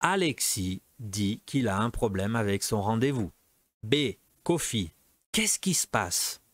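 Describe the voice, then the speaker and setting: A man's voice: fairly low pitch, sing-song, no room sound. A man teaching a French lesson, going through exercises patiently and explaining in both French and Portuguese. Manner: slow, patient, drawn-out teaching delivery. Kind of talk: recorded language lesson.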